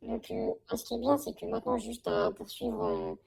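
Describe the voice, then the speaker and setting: A woman's voice: on the high side, big pitch swings, moderate pace, gravelly, over a noisy crowd. A young woman giving a casual, slangy testimonial in an informal conversation. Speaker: coaching client giving a testimonial.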